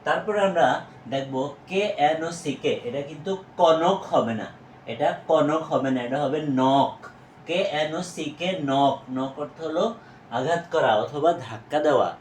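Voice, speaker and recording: A man's voice: on the high side, moderate pace. A man with a Bangladeshi accent teaching a vocabulary lesson, spelling words letter by letter and repeating how to say them, quizzing his students as he goes. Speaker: English teacher. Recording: echoey room with faint noise.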